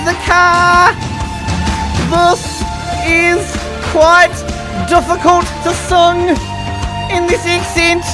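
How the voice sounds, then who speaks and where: Goofy male Kiwi crooner, mock New Zealand accent, high and belting, a man putting it on. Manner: goofy, belting, half-sung. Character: male Kiwi shopper singing about biscuits. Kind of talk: improvised comic singing.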